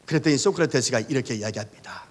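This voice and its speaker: A male pastor giving a sermon, telling stories in an animated way and putting rhetorical questions to the congregation. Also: medium pitch, very fast, in a large hall. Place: church sanctuary.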